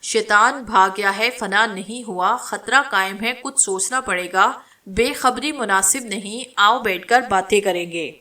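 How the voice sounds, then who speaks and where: A woman reading the lines of a calm, confident old male holy man in a dramatic story, speaking steadily and a little mockingly. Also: medium pitch, far from the mic, lightly acted. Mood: serious. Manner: steady, unhurried, mildly mocking.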